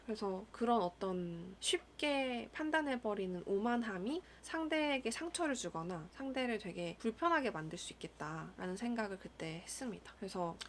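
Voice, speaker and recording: A young adult woman, a school counselor, speaking in a calm, thoughtful monologue with occasional soft whispered asides. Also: medium pitch, moderate pace, few pauses, slight background noise. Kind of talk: reflective solo monologue.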